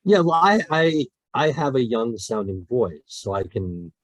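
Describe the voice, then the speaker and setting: A voice actor joins a casual podcast over a call as a guest, speaking animatedly and with real passion for storytelling while often restarting his sentences. His voice sits at medium pitch with a measured pace. There is no room sound.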